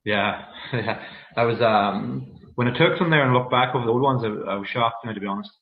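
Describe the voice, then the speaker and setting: A man with a Donegal Irish accent, speaking candidly and haltingly as a guest in a casual interview. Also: medium pitch, vocal fry. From Donegal, Ireland. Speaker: interview guest, fitness programme client. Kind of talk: casual personal interview on a livestream. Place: online video meeting. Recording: muffled, lo-fi video call audio.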